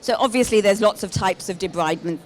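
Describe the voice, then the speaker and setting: A woman's voice: medium pitch, fast. A middle-aged woman giving a live presentation on a handheld microphone as a lead clinician. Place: exhibition stand in a large busy indoor hall. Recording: live hall with clear background noise.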